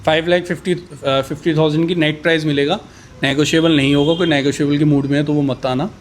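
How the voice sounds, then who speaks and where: A man pitching used superbikes in a casual, boastful way, rattling off price countdowns. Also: fairly even intonation, fast, a little hiss or hum.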